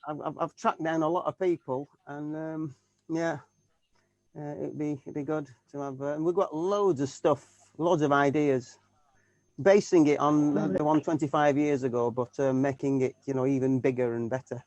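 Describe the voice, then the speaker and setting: A man's voice: fairly high pitch, steady tone, moderate pace, a little mellow, no room sound, muffled recording. A man from the UK, a keyboard player in a tribute band, chatting casually in an interview and stumbling through many restarts and fillers.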